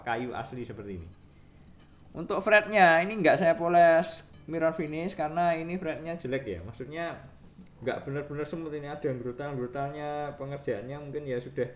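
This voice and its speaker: A man's voice: medium pitch, a bit bright, reverberant, a little hiss or hum. A man with an East Javanese Indonesian accent, a guitar repair shop owner, talking casually as he explains his work and counts off the frets aloud. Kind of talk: casual workshop demo talk.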